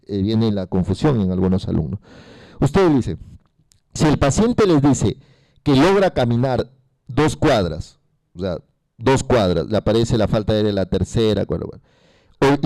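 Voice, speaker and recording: Guy lecturing med students, warm dark voice, dry close sound, keeps asking the class stuff. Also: medium pitch, no room sound. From Peru. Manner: asks students questions, repeats key terms. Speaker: medical lecturer.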